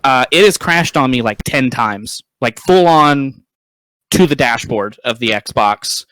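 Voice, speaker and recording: A man chats informally on a gaming livestream. His voice is crisp and resonant, recorded dry, and he sounds amused at himself. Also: mid-range voice, expressive, slow pace, fairly bright tone, no echo, poor audio. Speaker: livestream panelist. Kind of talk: casual gaming chat.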